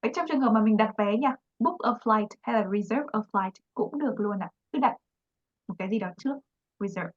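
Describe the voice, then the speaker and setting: A woman's voice: fairly high pitch, lively intonation, fairly quick, muffled recording. A woman teaching an English lesson, patiently explaining and repeating example phrases.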